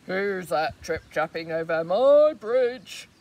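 Loud roaring hungry troll, woman doing him in a storybook, pitch jumping around, mic a ways off outside w/ some traffic. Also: expressive, slow. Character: bad, hungry male troll under a bridge. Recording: far mic with outdoor traffic noise.

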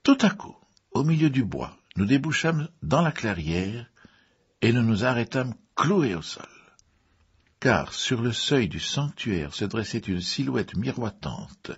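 A man narrating a mystery story in the first person, in a measured reading with occasional fillers. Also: medium pitch, very animated, breathy edge, muffled recording. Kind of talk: audiobook reading.

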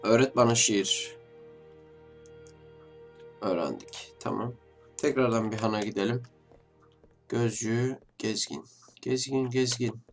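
A gaming host with a stuffy nose chats casually into a desk microphone during a let's-play, swapping mock-tough banter with his audience. He speaks slowly in a mid-range voice with long pauses, over faint game music and clicking keys.

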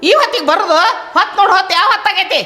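A woman's voice: very high-pitched, very fast, bright, forceful tone, echoey room, soft background music. A woman, playing a hungry elder woman of the house who nags and complains. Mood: scolding. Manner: nagging, complaining.

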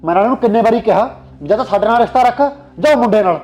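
Punjabi man for short-film drama, high quick voice, angry and commanding, music under. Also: a little mellow, highs cut off. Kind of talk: melodramatic short-film acting.

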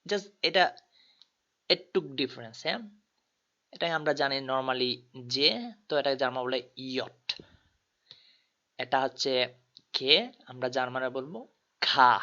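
A man's voice: medium pitch, fairly even intonation, normal speed, long pauses, sharp tone. A man teaching a tutorial, patiently spelling out letters one by one. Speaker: language tutor. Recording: dull lo-fi recording.

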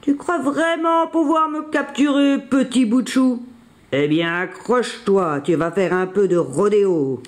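A storyteller voicing a big, good-natured bison who teases in a gruff but kind way. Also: medium pitch, a little slow, natural voice. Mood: teasing. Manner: gruff, teasing, chuckling. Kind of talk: storybook read-aloud.

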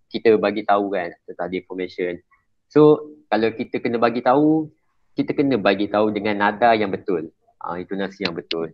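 Chatty man teaching a workshop. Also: lowish voice. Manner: chatty, often checks if listeners understand. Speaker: emcee trainer for school prefects. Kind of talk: informal workshop lecture. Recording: slightly dull lo-fi recording.

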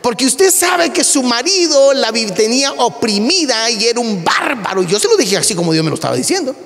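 Male pastor, sermon, high voice, swooping lively delivery, storytelling, long church reverb. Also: fairly quick, gravelly. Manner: animated storytelling preacher; addresses listeners as brother. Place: church hall.

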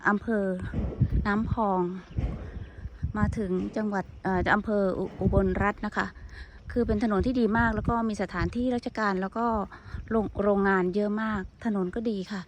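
A woman's voice: mid-range voice, steady tone, moderate pace, slight background noise. A woman giving a casual walking tour outdoors on a hot day, chatting to her viewers and often apologizing. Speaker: vlogger.

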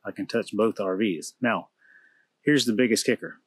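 A travel vlogger in his thirties, with a lowish, slightly rough voice and a moderate pace, chats casually about a road trip. His relaxed storytelling is full of fillers and restarts, starting inside an RV and then moving outdoors to a campground.

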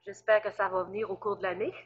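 A woman's voice: medium pitch, flat delivery, fast talker, breathy edge, highs cut off. A woman with a strong Lac-Saint-Jean Québécois accent, a French teacher, chatting as she introduces herself on a video call. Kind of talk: self-introduction in a meeting.

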